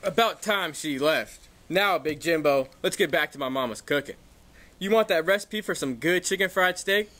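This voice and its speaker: A blustering Texan pundit, played by a man, with a high male voice. He rambles pompously in a folksy way, as a guest in a comic news parody. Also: moderate pace, fairly bright tone, close to an everyday voice. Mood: folksy rambling. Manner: folksy, long-winded, blustering. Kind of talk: scripted news satire sketch.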